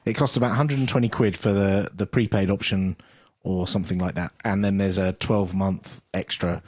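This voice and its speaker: A man co-hosts a relaxed tech podcast, joking and laughing as he talks. His voice is low and a little husky, recorded close and dry. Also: moderate pace, dry recording. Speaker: podcast co-host. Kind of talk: casual tech podcast chat.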